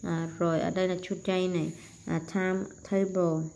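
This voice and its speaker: A woman's voice: fairly low pitch, little pitch movement, creaky, dark tone, a little hiss or hum. A woman teaching an English lesson, walking through exercises and thinking aloud with frequent fillers as she writes. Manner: thinks aloud with many fillers, speeding and slowing. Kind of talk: casual lesson walkthrough while writing.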